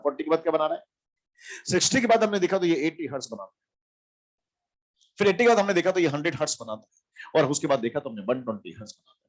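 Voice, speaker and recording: Husky male teacher, fairly high voice, lecturing with repeated questions and answers. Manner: asks questions and answers them himself, repeats key terms. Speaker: physics teacher. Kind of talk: classroom lecture.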